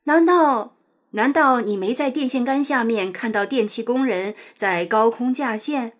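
A woman voicing a proud, earnest old male rooster in a children's storybook, speaking in a steady, lecturing way. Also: a little high, unhurried.

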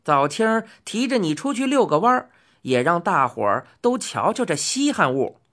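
A woman putting on a gruff grumpy old man. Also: sing-song, a bit bright. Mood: gruff, bargaining. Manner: grumbling, folksy, low and slow drawl. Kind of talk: storybook reading.

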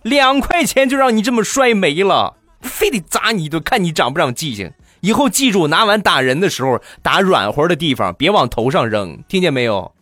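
A man's voice: on the high side, sing-song, a little fast, hardly any pauses, fairly bright tone, no echo, voice pushed up. A man voicing an angry middle-aged mother who shrilly scolds her son for breaking a bowl. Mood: scolding.

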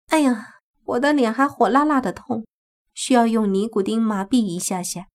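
A woman's voice: on the high side, moderate pace, pitched above the performer's own voice, lightly acted. A woman reading a storybook, voicing a smug, spiteful young woman journalist with a taunting, affected manner.

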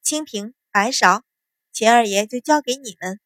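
A woman voicing a composed young noble lady who speaks in a cool, measured way. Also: on the high side, animated, fairly bright tone, dry recording, clean studio sound.

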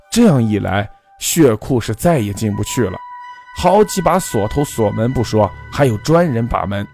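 A man's voice: mid-range voice, mellow. A man narrating a folk ghost story in a dramatic, scripted way. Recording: faint background music.

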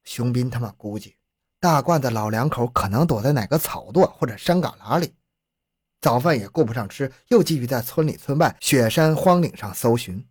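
A man reading a true-crime story as narrator in a steady storytelling delivery. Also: medium pitch, normal speed, breathy edge, no echo, clean studio sound.

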